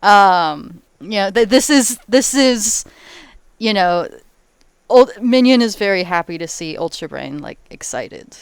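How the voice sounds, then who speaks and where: Slow, smooth-voiced woman game master. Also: mid-range voice, lively intonation, no room sound. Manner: rambling, filler-heavy, giggly. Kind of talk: narrating a tabletop game.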